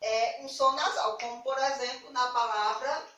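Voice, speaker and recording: Brazilian woman, primary teacher, warm and patient; a little away from the mic. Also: on the high side, fairly even intonation, echoey room, distant mic, poor audio. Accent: Brazilian Portuguese. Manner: affectionate, slow and patient, stresses key words. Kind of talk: recorded remote class for young children.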